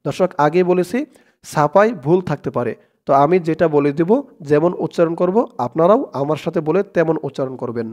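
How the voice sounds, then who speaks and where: A man teaching Quran recitation, spelling out each word and chanting the verses in long drawn-out tones. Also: fairly high pitch, darkish tone. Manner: slow drawn-out chanting of verses between plain explanations.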